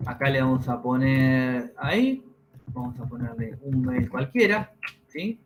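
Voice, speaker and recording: A man's voice: mid-range voice, unhurried, noisy background. A man teaching a class, explaining each step and checking in with his students. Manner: explains step by step, checks understanding with tag questions. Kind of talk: classroom lesson.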